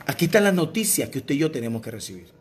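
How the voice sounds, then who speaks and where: A man with a Venezuelan accent, a pastor preaching a sermon, who moves between soft low asides and raised emphatic lines and keeps asking "¿verdad?". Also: very animated, racing. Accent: Venezuelan Spanish.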